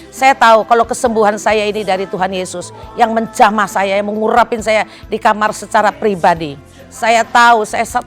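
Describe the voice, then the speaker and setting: Heartfelt Indonesian woman testifying. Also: a little high. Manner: emotional, heartfelt storytelling, pleading in recalled prayer. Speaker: church member giving testimony. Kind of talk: personal testimony.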